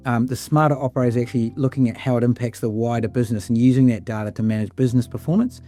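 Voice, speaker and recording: A man with a very dark, mellow voice speaks as a panelist, running through lists in a loose, filler-laden way. Faint music plays underneath. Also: medium pitch, fairly even intonation, very fast. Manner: casual, many fillers and lists. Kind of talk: panel discussion.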